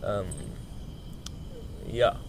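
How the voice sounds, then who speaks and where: A man's voice: extremely slow, slight background noise. A man chatting casually as a musician in an interview, loose, slangy and rambling. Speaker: musician, podcast guest.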